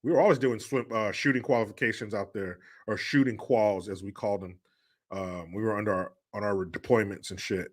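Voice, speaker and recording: A man's voice: fairly low pitch, fairly even intonation, fairly quick. A man hosting a casual live stream, bantering loosely with viewers and swearing freely. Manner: laid-back, profane banter.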